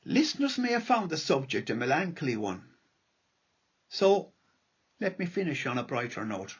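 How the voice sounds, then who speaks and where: An Irish man gives a prepared local history lecture. His voice is husky, and his pitch moves up and down in a lively way. The recording is a little dull and lo-fi. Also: moderate pace. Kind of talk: prepared lecture read aloud.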